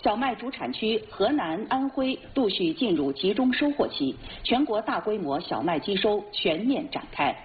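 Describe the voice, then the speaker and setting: A woman's voice: medium pitch, very animated, moderate pace, hardly any pauses. A woman reading scripted news as an anchor in standard mainland Mandarin, formal and precise. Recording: tinny narrowband broadcast with faint noise.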